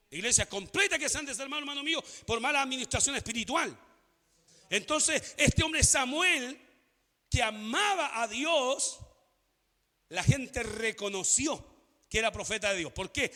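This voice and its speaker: A man preaches with fervor as pastor, his voice sitting very high and sharply bright. He often swells into shouting. The sound rings out with a long church-hall reverb. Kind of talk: sermon.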